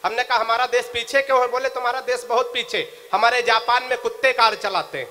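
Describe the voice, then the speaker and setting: High bright-voiced joking man on stage. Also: steady tone, fairly quick. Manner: joking banter with the crowd, chanted verse. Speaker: comic poet. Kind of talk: stand-up comic poetry at a live recital.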